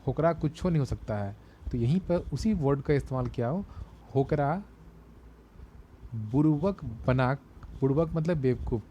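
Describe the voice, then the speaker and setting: A man's voice: medium pitch, animated, normal speed, dark tone, a little hiss or hum. A man with a Bihari Hindi accent, teaching exam memory tricks and repeating key words as he explains. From Bihar, India.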